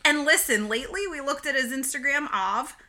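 A woman's voice: high voice, expressive, fairly quick, bright, forceful tone. A woman co-hosting a podcast in casual chat, recorded inside a small closet, chatty and swearing freely. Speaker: podcast co-host.

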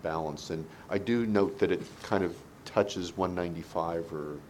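A man speaking as a board member in a meeting, thinking aloud and haltingly as he questions a presenter. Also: darkish tone. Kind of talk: meeting discussion. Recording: low background noise in a meeting.

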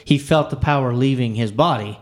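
A man's voice: mid-range voice, brisk. An earnest man talking through a Bible passage with a co-host in an easy, conversational way. He restarts his sentences often and leans on "you know" as he works through his thoughts. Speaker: Bible study podcast co-host. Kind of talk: casual Bible discussion.

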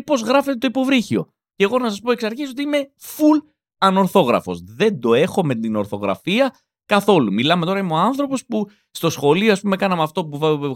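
Lively comic man, dry close sound. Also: high-pitched, no room sound. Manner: animated, rambling, self-mocking, acts out quotes. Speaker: comedian and podcast host. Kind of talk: comic monologue.

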